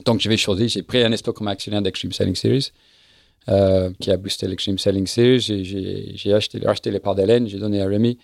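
A middle-aged man with a low, gravelly voice, speaking in a halting way as he hunts for words and repeats himself. He talks as a guest in a casual interview, recorded dry and close with no room sound. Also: fairly even intonation, dry recording. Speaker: guest, sailing event business founder.

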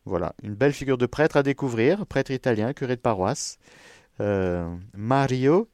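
A man, a priest, hosting a radio call-in show, praying aloud for callers in a measured, gentle way and chuckling warmly with them. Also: mid-range voice, no room sound, studio quality. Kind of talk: radio call-in with spoken prayers.

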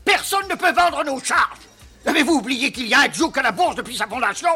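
An actor in a dubbed film playing an outraged elderly rich broker who rants and shouts. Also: male voice, very high voice, animated, fairly quick, husky, faint music behind, full character voice. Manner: indignant, shouting.

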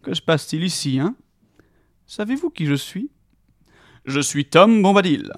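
A man voicing a jolly, boisterous old forest dweller who talks in a hearty, booming, sing-song way. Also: normal speed, darkish tone, no echo, clean studio sound, natural voice. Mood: jovial booming.

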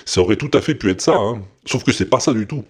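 A man hosting a podcast in casual radio-style chat, relaxed and jokey with his listeners. His voice is very low with a husky grain. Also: fast. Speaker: podcast host.

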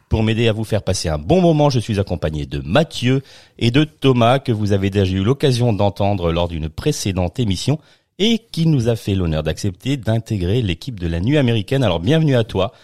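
A man's voice: on the low side, lively intonation, fairly quick, a little mellow, dry recording, studio quality. A man hosting a film podcast, introducing the episode in a casual, joking way with frequent hesitations. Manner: jokey, hesitant with frequent fillers. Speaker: podcast host.

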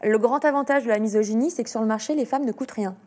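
A woman, an author and illustrator, talking in an interview, animated and hesitant, often restarting her sentences. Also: fairly high pitch, fast talker. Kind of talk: interview talk.

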